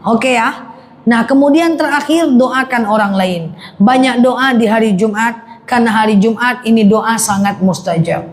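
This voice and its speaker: A woman preacher giving a lively religious lecture to a women's congregation, joking and speaking to them directly. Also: on the high side, normal speed. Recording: faint background noise.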